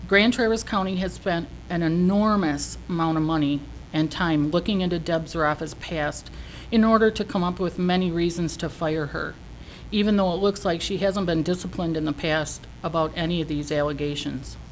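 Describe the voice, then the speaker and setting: Female citizen speaker, slightly low register, indignant prepared statement, faint background noise. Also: moderate pace, low-quality recording. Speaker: citizen giving public comment. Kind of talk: prepared speech of complaint. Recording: faint noise, meeting room.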